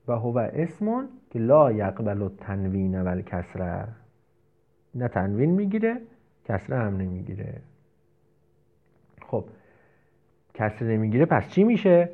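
A man's voice: medium pitch, very animated, pauses often. Man teaching grammar over tinny audio. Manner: explains step by step, asks and answers his own questions. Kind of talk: recorded grammar lesson.

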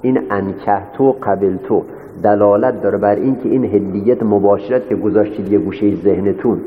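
A man with a fairly low, steady voice teaches a seminary class, repeating every point and putting rhetorical questions to his students. The lecture hall echoes, and the lo-fi sound is dull with faint noise.

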